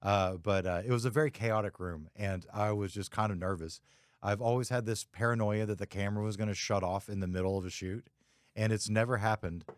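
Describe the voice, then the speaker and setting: Low-pitched man, casual rambling podcast chat, dry close sound. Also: fairly even intonation, fairly quick, no echo. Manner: laid-back, rambling, many fillers. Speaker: podcast host, photographer.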